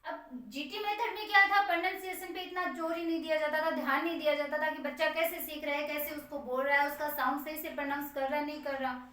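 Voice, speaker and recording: High-voiced woman teacher in an echoey room. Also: fairly even intonation, bright, forceful tone, distant mic. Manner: explains step by step, dictates key points slowly word by word. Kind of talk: exam-prep lecture on teaching methods.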